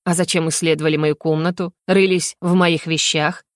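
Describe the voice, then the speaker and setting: A woman voicing a cold, stern male inquisitor who speaks slowly and measuredly, in an audiobook. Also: lowish voice, no room sound, clean studio sound, lightly acted. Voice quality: slow, measured, icy. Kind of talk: audiobook character voice.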